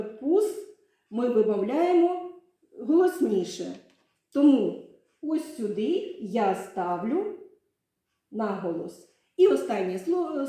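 A woman's voice: fairly high pitch, dark tone. A woman teaching young children a literacy lesson, patiently stretching out words to show their syllables. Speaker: primary school teacher. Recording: very echoey room.

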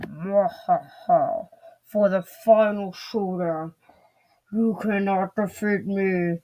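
A woman's voice: medium pitch, dark tone, natural voice, rough recording. A woman voicing a boastful, evil male Christmas monster who cackles and gloats in a playful home-video skit. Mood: gloating. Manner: cackling, gloating, drawn-out threats.

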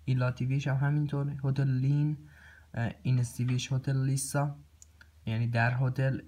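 A man teaching a recorded grammar lesson. He pauses often with filler sounds and clears his throat now and then. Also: mid-range voice, little pitch movement, warm tone. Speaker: language teacher.

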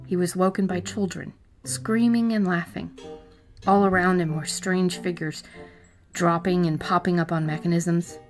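A woman reading a short story aloud in a calm, measured way. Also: fairly low pitch. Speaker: narrator. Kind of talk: storytelling narration.

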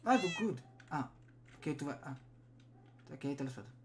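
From a small room indoors at home, a young man streams his gameplay, talking casually with muttered remarks and quick reactions through a desk USB microphone. His intonation is lively, his pitch on the high side, and slight background noise can be heard.

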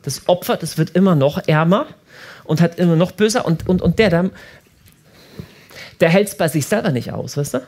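A man speaks to a live audience in an animated way and often repeats words as he rephrases. His pitch moves lively up and down. His voice has a slight husky grain. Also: normal speed, long pauses. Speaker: speaker at a prayer house.

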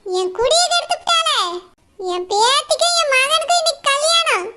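A woman's voice: extremely high pitch, lively intonation, normal speed, full character voice. A woman with a Kanyakumari Tamil accent, playing an older village woman who scornfully accuses and curses the other family. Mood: accusing. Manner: scornful, accusing, shouting in a street quarrel. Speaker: angry mother of the groom's side. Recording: loud background noise.

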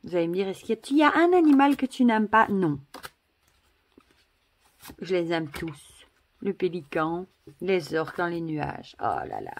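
A woman's voice: lowish voice, sing-song, moderate pace, pauses often. Gushing Belgian woman vlogger. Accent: Belgian French. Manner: gushing, chatty, many exclamations and asides. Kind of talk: casual vlog, showing cards to camera.

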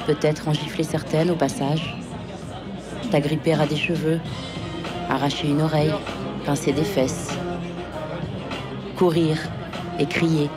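A woman reading a literary, poetic text in a measured, deliberate way. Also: low voice, flat delivery, loud music behind the voice, a loud crowd. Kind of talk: poetic narration.

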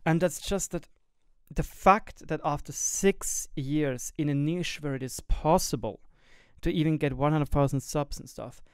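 This young Swiss gaming creator speaks English with a German-tinged accent, his smooth, slightly high voice a little mellow and lilting up and down. Thoughtful and open, he pauses often while reaching for words in a personal monologue to camera. The audio is dry, close, and echo-free, captured by a studio mic on a boom arm near his mouth as he wears a headset in his small home gaming room.

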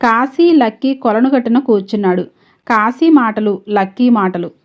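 A woman narrating a serialized story in a steady, measured reading manner. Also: a little high, dull audio.

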